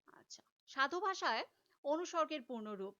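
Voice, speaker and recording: A woman's voice: high voice, expressive, normal speed, bright, forceful tone, dull audio. A woman teacher giving a recorded class lecture, explaining step by step and repeating key terms.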